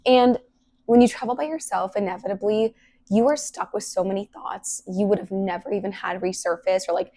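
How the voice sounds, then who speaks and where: Hosting her podcast alone, a young woman speaks fairly quickly with fairly even intonation and a mellow, medium-pitched voice. Illness has left her hoarse and partly voiceless, yet she keeps chatting casually and sincerely, peppering her talk with "like."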